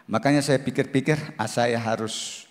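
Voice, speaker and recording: A middle-aged man, a pastor, telling a personal testimony in a sermon, moving between hushed and loud passages. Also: mid-range voice, fairly even intonation, moderate pace. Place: church service hall. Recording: long hall reverb.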